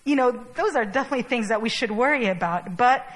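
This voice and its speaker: A woman's voice: fairly high pitch, lively intonation, fast talker, low-quality recording. A young adult woman from Chile giving a sermon in a casual, chatty way, with many fillers. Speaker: preacher.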